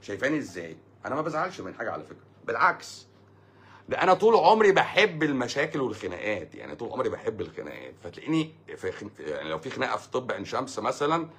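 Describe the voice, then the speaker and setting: Man, egyptian accent, livestream host, sarcastic, mocking, rapid-fire delivery, husky voice. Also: medium pitch, big pitch swings, fairly bright tone. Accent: Egyptian Arabic. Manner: sarcastic, mocking, fast and rambling. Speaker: livestream host answering viewer comments. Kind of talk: sarcastic casual livestream talk.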